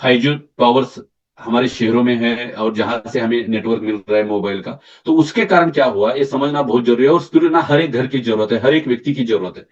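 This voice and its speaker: A man of medium pitch with a slightly hoarse voice runs a sales training presentation on a product, going through it point by point and often checking in with "right?" He speaks Hindi mixed with English terms, stumbling and restarting words haltingly. The audio is dull and distant, as if the mic were placed far away.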